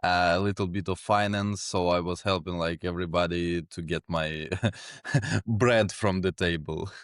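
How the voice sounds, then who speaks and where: A man in his twenties from Ukraine, a guest in a casual interview, talking in a relaxed way with many fillers and small chuckles. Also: low voice, unhurried, clean tone, no echo, studio quality. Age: 20s. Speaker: guest, sales executive.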